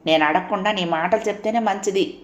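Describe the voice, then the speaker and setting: A woman's voice: mid-range voice, brisk, roomy sound, lightly acted. A woman voicing an outspoken housewife in an audio story, speaking firmly and frankly. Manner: firm, lecturing.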